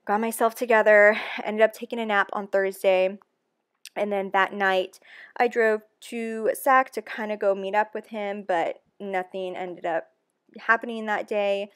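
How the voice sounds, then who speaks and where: A woman's voice: medium pitch, fairly even intonation, a little slow, smooth. Chatty young woman, candid and emotional. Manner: chatty, frequent ums and likes. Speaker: planner vlogger. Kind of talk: casual talking voice-over.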